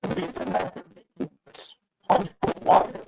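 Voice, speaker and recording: A man's voice: moderate pace, darkish tone, poor audio. A man giving a matter-of-fact technical explanation at a remote town committee meeting, his audio on the video call dropping and breaking up. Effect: choppy, breaking-up video call audio.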